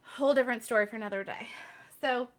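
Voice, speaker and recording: A woman's voice: on the high side, quick pace. A woman hosting a casual live Q&A stream, talking candidly with chatty, self-deprecating asides. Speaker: reiki healer hosting a live Q&A.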